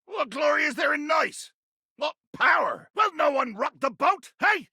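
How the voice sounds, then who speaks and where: A man voicing a bombastic, bloodthirsty pirate captain in a video game, with a raspy, gravelly growl and grandiose, archaic seafaring speech. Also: extremely high pitch, expressive, a little slow, bright, forceful tone, no room sound, raised voice, clean studio sound, full character voice. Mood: furious, grandiose. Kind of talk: theatrical video game character acting.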